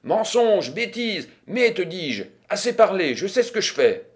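A man voicing a stubborn, excitable old grandmother at a gambling table in an audiobook reading, with a shrill, scolding, insistent manner. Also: moderate pace, close to an everyday voice. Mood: indignant.

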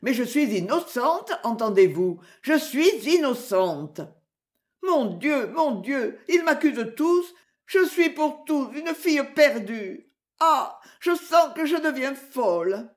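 A woman reading aloud voices Maud, a young, lively chambermaid who pleads in a high, animated voice. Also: a little slow. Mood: distraught.

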